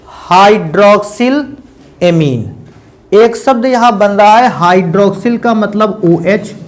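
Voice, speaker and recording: A man's voice: high voice, animated, takes it slowly. A man teaching chemistry in a lecture. He calls his students beta and bhaiya and keeps asking questions and answering them himself. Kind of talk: classroom lecture.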